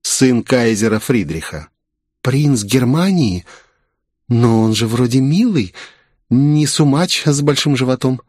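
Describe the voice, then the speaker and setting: A man's voice: mid-range voice, animated, slow, darkish tone, no echo, clean studio sound, voice pushed up. A man voicing a clever, loyal young female servant who talks respectfully with a sly edge. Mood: curious.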